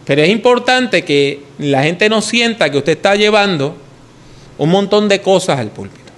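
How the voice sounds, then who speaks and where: A man's voice: sits high, lively intonation, normal speed. A man giving a conversational lesson on how to preach, demonstrating points with his own voice. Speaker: preaching teacher. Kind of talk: instructional talk on preaching.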